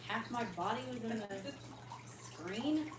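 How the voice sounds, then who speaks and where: A woman teases and jokes in a lively, sing-song way, her pitch rising and falling a lot. She sits away from the mic in an echoey garage, with clear background noise. Her voice has a middling pitch. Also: measured pace, far from the mic. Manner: playful, lively, teasing. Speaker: family member joining the stream. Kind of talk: casual playful banter. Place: home garage, off to the side. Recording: roomy garage, off mic, noisy.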